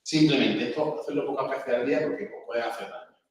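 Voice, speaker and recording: A man gives a lecture on using the voice, pausing to check in with his audience. He is heard from a distance in a room with heavy echo and a long reverb tail. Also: a little hiss or hum. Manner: explanatory, demonstrates pitch exercises aloud, frequent "¿vale?". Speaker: communication workshop instructor. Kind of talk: lecture with vocal demonstrations. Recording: echoey room, voice from far off.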